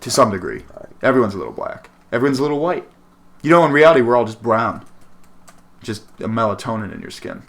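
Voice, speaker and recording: A man of ordinary pitch co-hosting a podcast, rambling from joke to joke. His talk is loose, crude and unpolished, full of restarts. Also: big pitch swings, quick pace. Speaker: podcast co-host. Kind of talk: casual chat.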